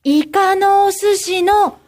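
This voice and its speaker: A woman's voice: very high-pitched, takes it slowly, darkish tone. A woman playing a cheerful, naive little girl in a crime-prevention radio skit, talking in a sing-song, childlike way. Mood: resolute.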